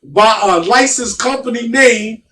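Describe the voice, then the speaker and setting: A man's voice: very high voice, a little slow, sharp tone, far from the mic, slight background noise. A middle-aged man with a New York accent, telling stories in casual, emphatic street talk and repeating himself. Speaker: guest.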